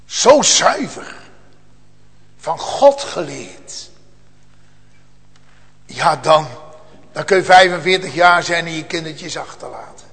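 A man preaching a solemn sermon, slow and earnest, rising at times to loud emotional cries. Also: a little high, creaky, husky. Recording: long church reverb.

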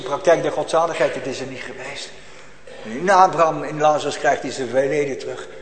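A man preaching a sermon emphatically, repeating phrases and swinging from loud to hushed. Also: mid-range voice. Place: church. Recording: echoey church hall with faint ambience.

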